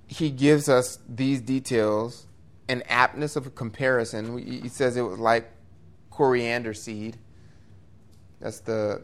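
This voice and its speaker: A man preaching a sermon, his voice at a middling pitch. He talks in an earnest, conversational way, lifting his voice for emphasis and dropping into quick asides. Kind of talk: expository sermon.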